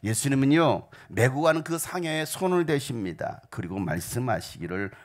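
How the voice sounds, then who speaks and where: Gravelly, animated Korean pastor preaching. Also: male voice, moderate pace. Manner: dynamic preaching, swinging between hushed whispers and loud shouts; gravelly voice with lively pitch. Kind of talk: sermon. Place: church sanctuary.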